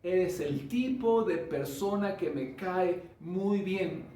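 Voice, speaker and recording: Brief: Jesus, gentle and patient, asks questions softly, put on by a male preacher, higher voice, echoey. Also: slight background noise. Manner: gently questioning, then inviting. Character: Jesus, a kind and patient man. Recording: echoey room, mic from far off.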